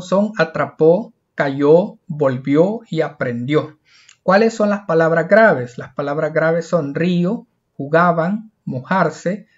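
Teacher walking through a lesson, lo-fi. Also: male voice, high voice. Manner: asks questions and answers them himself; slows down to spell out example words one by one. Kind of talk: recorded lesson explanation. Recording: dull lo-fi recording.

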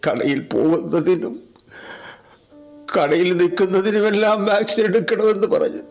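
A man's voice: sits high, normal speed, soft background music. A man playing a poor elderly father in an amateur skit, pleading and wailing that he fears the injection. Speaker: vaccine patient in a short skit.

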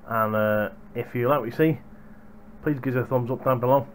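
This is a young adult man of medium pitch talking a little fast in a casual vlog chat to viewers, acting as a hardware reviewer. He records in a small room at home using a gaming headset's boom microphone, and a little hiss or hum is present.

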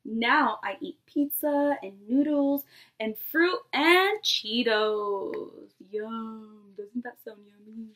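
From a small bedroom indoors, a woman in her twenties who works as a preschool teacher reads expressively to young children and addresses them directly. Her delivery is animated and slow, with a fairly high pitch and fairly bright tone.

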